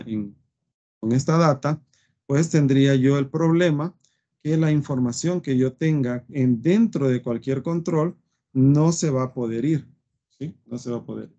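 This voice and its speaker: A man's voice: medium pitch, a little slow, warm tone. A man teaching a live web design coding lesson, thinking aloud with fillers and often checking "¿sí?" with his students. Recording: dull lo-fi screen recording.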